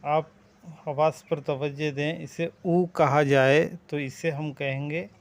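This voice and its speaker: Slow, patient man teaching vowels. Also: on the high side, level tone. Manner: patient, drawn-out vowel demonstrations. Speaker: language teacher. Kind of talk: slow spoken language lesson.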